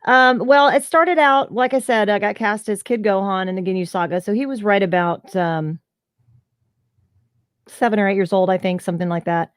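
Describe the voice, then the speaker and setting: A woman from the Southern US, guesting as a voice actor in an informal interview by video call, tells stories in a chatty way laden with fillers. Her voice is smooth and medium-pitched at a moderate pace, with studio-quality sound and no echo.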